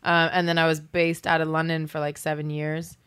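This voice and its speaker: A woman's voice: low voice, completely flat delivery, brisk, a bit bright, clean tone. Chatty young woman from Hong Kong, podcast guest, easy laughter, loose unfinished sentences. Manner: chatty, laughs easily, trails off mid-sentence. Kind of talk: casual chat.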